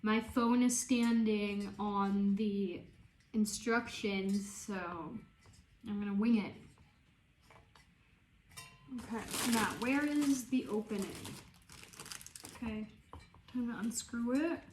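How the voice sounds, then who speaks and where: A woman's voice: mid-range voice, slow pace, echoey room, a little hiss or hum. A young woman chatting casually as she walks through a home baking recipe step by step. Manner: chatty, relaxed, explaining as she goes. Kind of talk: casual step-by-step cooking chat. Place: home kitchen.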